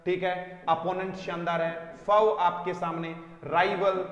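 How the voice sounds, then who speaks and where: High-pitched, slow, echoey vocabulary teacher. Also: male voice, flat delivery, a bit bright, muffled recording. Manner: addresses students as dear children, asks and repeats answers. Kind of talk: online vocabulary class. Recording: echoey room with long reverb.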